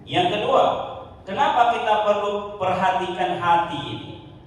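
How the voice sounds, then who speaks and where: A man preaching a sermon in a lively, joking way, sometimes chanting his phrases. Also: high voice, measured pace. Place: mosque. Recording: echoey hall from far off, faint noise.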